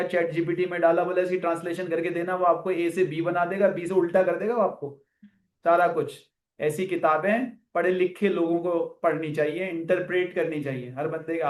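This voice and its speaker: A man lecturing students in a classroom, animated and full of rhetorical questions. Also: on the high side, reverberant. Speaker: finance lecturer.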